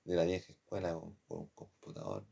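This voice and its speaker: A man's voice: low-pitched, big pitch swings, a little fast, vocal fry, mellow. A man with a Chilean accent telling a personal story from his design studies in a rambling, slangy way, often calling the listener "compadre". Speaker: former design student.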